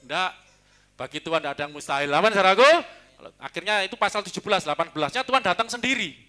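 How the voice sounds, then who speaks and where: High bright-voiced lively pastor. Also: male voice, fast talker. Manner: lively, joking, mixes in Javanese. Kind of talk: sermon.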